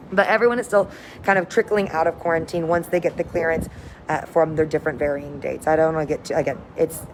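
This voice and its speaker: An upbeat, enthusiastic woman cruise director giving a casual livestream update to viewers. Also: fairly low pitch. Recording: noticeable background noise, windy ambience.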